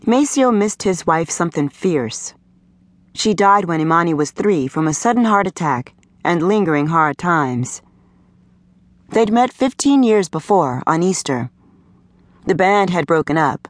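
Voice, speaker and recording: A woman narrating an audiobook in a smooth, conversational storytelling manner, close to a studio mic. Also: fairly low pitch, lively intonation, measured pace, no echo. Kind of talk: scripted narration. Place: recording studio.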